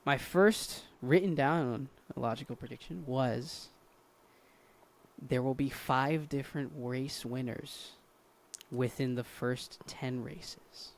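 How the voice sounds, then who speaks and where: A man's voice: medium pitch, slow, gravelly. A man co-hosting a podcast in casual chat, teasing and skeptical, swearing casually. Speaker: podcast co-host.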